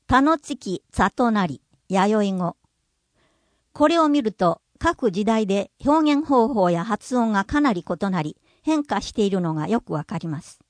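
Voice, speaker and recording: A woman reading a scripted informational narration in a measured way, slowing down over example words. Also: medium pitch, darkish tone, no echo.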